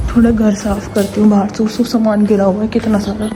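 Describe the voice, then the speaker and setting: A young woman, a mother, vlogging casually around her home, chatting and venting, and slipping into high sing-song baby talk with her daughter. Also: flat delivery, a little fast, background noise. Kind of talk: casual daily vlog.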